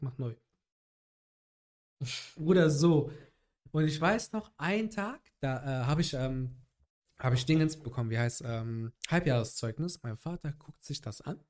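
A man's voice: a little high, darkish tone. A young man chatting casually on a podcast, rambling in street slang with many restarts. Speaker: podcast guest.

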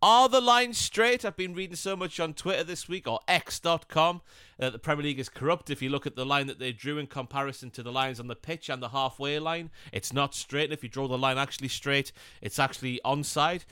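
A man co-hosting a football podcast, talking in a blunt, casual way with plenty of swearing. His voice is bright and smooth. He is recorded close on a dry mic. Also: mid-range voice, fairly even intonation, a little fast, no room sound. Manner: blunt, swears casually, slips into mocking impressions. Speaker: podcast co-host.

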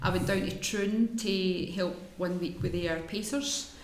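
A woman's voice: fairly low pitch, fairly even intonation, unhurried. A Scottish woman speaking candidly and chattily as a guest in a live podcast interview. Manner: candid, chatty, plain-spoken. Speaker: guest runner. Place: room at a live event. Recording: echoey room, faint noise.

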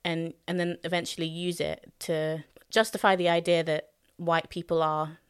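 Speaking at a moderate pace in a fairly low, smooth voice with a level tone, this young adult Londoner recalls her time as a student. She's a guest in a relaxed chat, candid and reflective, using lots of fillers and laughing readily. The studio-quality audio has no echo.

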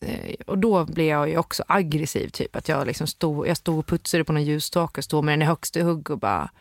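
A woman in casual chat, telling a story in a relaxed way. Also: low voice, dry recording, clean studio sound.

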